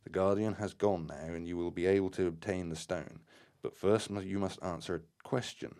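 A man voicing a female spirit guardian who speaks through a medium in a slow, formal, hushed way. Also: low voice, fairly even intonation, lightly acted. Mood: solemn.

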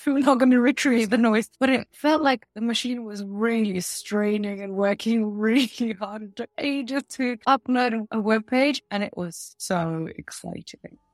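A woman in her forties, from Russia, answering interview questions in a confident, measured way with light laughs. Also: fairly high pitch, no room sound. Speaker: guest, tech company founder.

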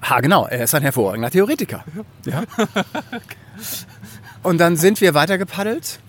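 A middle-aged man from Germany, a guest telling a story in a casual podcast chat. He is animated, laughs often and acts out what people said. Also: on the high side, normal speed, slight background noise.

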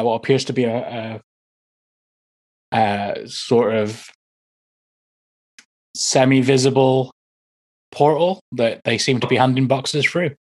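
A man narrating as game master, recapping the last session in a relaxed way and searching for words as he goes. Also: medium pitch.

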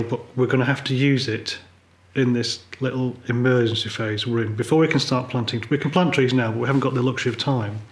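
A man, a polar photographer talking candidly and earnestly as a podcast guest, with a wry edge. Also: mid-range voice. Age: 50s. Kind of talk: reflective conversational chat. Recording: roomy echo.

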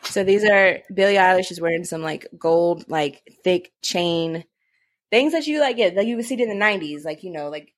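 A woman's voice: on the low side, animated, moderate pace, dry recording. A young woman co-hosting a casual chat, rambling with lots of fillers. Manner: chatty, rambling, many fillers. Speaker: co-host.

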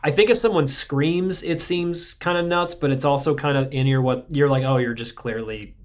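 A man's voice: fairly high pitch, normal speed. A man talking casually as a podcast guest, explaining in a rambling way and often redirecting himself mid-sentence. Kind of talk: casual conversational interview.

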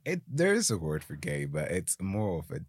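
A man talking openly as a guest in a relaxed conversation. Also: low-pitched, moderate pace, slightly rough, no room sound, clean studio sound. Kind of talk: casual conversation.

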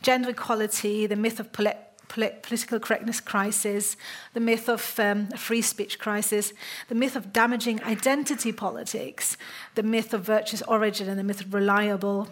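A woman's voice: medium pitch, level tone, moderate pace. A woman interviewing an author at a book talk, speaking hesitantly with many fillers.

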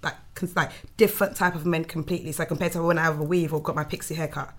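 A woman's voice: deep voice, steady tone, fast. A woman with a London accent in casual chat, emphatic and slangy, often repeating her phrases.

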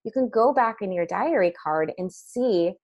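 A woman guest, a therapist and coach, explaining things calmly and plainly in an interview, like a counselor. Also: mid-range voice, normal speed, muffled recording.

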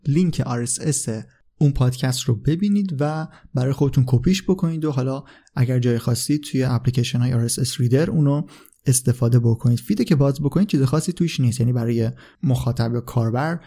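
A man's voice: mid-range voice, warm tone. A male podcast host giving a casual, unscripted explanation, with frequent filler sounds and small self-corrections.

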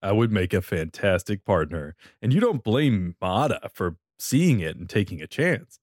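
A man voicing a cocky young man who coaxes and flatters with slow, self-assured lines. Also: lowish voice, no echo, clean studio sound. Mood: smug.

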